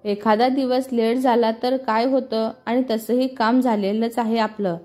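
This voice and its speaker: Woman reading a calm young guy boss, kinda high voice, mild and even, faint music under. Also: a little slow, natural voice. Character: young man, office boss, smitten and calm.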